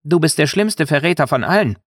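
A man's voice: on the high side, lively intonation, fairly quick, no echo, studio quality, pitched above the performer's own voice. A man doing a mocking spineless soldier. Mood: defensive. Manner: mocking, defensive. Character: sneering male soldier, a spineless follower.

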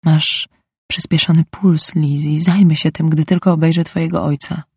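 A composed male doctor speaks in a firm, measured way, as a woman reads him in an audiobook. The tone is dark and gravelly. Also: low voice, little pitch movement, no echo, clean studio sound. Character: calm male doctor, middle-aged, firm.

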